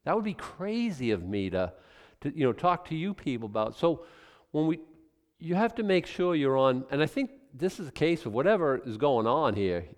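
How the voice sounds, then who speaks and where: A man's voice: on the high side, big pitch swings, moderate pace, big-room sound. A male pastor teaching a Bible passage in a conversational way, musing aloud about his own guesses and chuckling as he goes.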